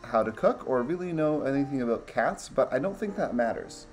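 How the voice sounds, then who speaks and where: Young male co-host, mid-pitched, deadpan and hesitant, casual chat in a home kitchen. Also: fairly quick, soft background music, poor audio. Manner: dry, deadpan, with hesitant ums. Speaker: co-host of a small comedy channel. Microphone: new microphone.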